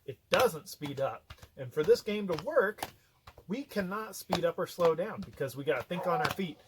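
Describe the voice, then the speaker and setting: Man teaching music, bouncy up-and-down voice, fairly high, noise in the background. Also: normal speed. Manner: lively, explanatory. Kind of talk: classroom instruction.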